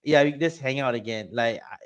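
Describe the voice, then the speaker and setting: Excitable rambling man from Singapore. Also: medium pitch, brisk. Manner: rambling, excitable, repeats words. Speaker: crypto project guest. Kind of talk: casual podcast chat.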